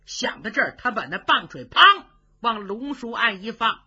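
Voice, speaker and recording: A woman's voice: on the high side, sing-song, normal speed, sharp tone, slightly rough. A woman telling a traditional story in a vivid, rhythmic manner, voicing sound effects. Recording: dull lo-fi recording.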